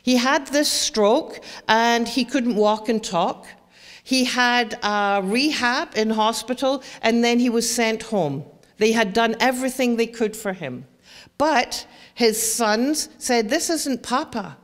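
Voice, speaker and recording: A Scottish presenter with a Scottish accent gives a chatty educational talk to parents, often asking the audience questions. Her voice is a little high and slow, with long hall reverb in the recording.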